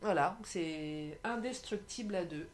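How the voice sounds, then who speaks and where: A woman from France giving a casual tarot reading in a vlog, effusive and halting, full of restarts, speaking to her viewers as dear friends. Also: on the low side, slight background noise. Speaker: tarot card reader.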